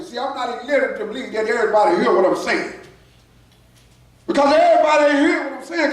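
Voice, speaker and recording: Picked up by a distant mic, a high-voiced male pastor shouts his sermon in bursts, calling out to the congregation, while the church sanctuary echoes around him.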